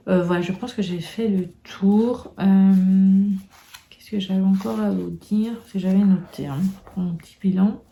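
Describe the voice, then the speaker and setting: A woman's voice: medium pitch, steady tone, a little slow, gravelly, muffled recording, slight background noise. A woman chatting casually in a monthly vlog wrap-up, hesitant and full of fillers and restarts. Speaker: booktube vlogger.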